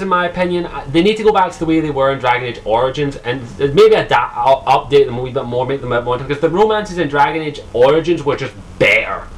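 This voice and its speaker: With a mid-range voice and a Scottish accent, a young gaming vlogger casually and profanely comments on a game by himself, peppering it with ums and restarts. The audio is poor, with a bit of hiss or hum.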